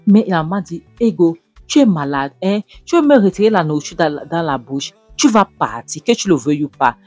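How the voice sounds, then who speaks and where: A man's voice: on the high side, very animated, a little fast, dry recording, soft background music. A man voicing a bossy middle-aged mother who scolds and threatens her daughter. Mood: furious. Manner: scolding, threatening, loud outbursts.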